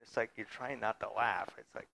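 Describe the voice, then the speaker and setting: A man's voice: fairly low pitch, a little fast, gravelly, pushed and bright. A man preaching a conversational sermon in church, sometimes joking with the congregation. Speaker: pastor.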